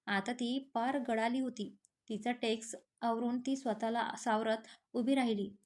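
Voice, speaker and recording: A woman narrating a scripted story as storyteller in a steady, even way. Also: a little high, unhurried.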